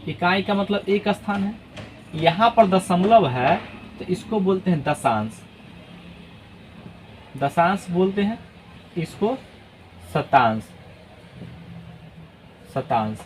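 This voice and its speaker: High-voiced male math teacher, patient. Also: expressive, a little hiss or hum, poor audio. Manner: patient, step-by-step explaining, often checks with "ठीक है ना"; reads digits out slowly one by one. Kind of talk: classroom math lesson.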